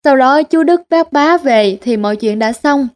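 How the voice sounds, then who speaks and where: A woman's voice: high voice, expressive, normal speed, soft background music. A woman voicing a naive, greedy young daughter in a comic story. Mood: pleading.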